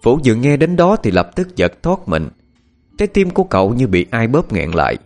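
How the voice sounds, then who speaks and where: A man narrating a ghost story as an audiobook, in an expressive, measured storytelling manner. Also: mid-range voice, soft background music.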